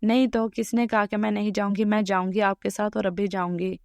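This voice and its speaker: Sulky young wife in an audio story, read by a woman; even pitch, a little creaky, dry sound. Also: no room sound, natural voice.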